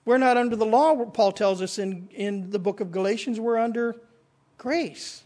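A man's voice: high-pitched, moderate pace, darkish tone, reverberant. A man preaching a sermon as pastor, asking his congregation questions and answering them himself, speaking into a church microphone. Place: church sanctuary. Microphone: stand microphone, sometimes stepping away.

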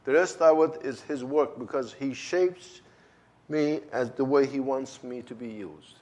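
Speaking slightly slowly in a darkish mid-range voice, this man with a German-Turkish accent and a first language other than English recounts his own experience. His storytelling is emphatic and fervent, with dialogue played out as he goes.

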